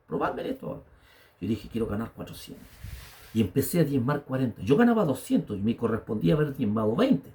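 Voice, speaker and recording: Chilean pastor preaching with a dark voice. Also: male voice, medium pitch, vocal fry. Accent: Chilean Spanish. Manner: storytelling preacher, rising to emphatic exhortation. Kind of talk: sermon.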